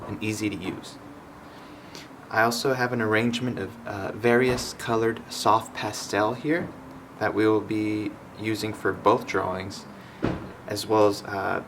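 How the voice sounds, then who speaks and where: A young man from Southern California narrating a drawing demonstration as an art instructor, measured and explanatory with hesitant fillers. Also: on the low side, a bit bright, a little hiss or hum, poor audio.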